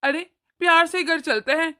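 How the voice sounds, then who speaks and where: A woman voicing a wise older father-in-law in a cartoon, gently lecturing his wife. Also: very high voice, steady tone, moderate pace. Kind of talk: cartoon voice acting.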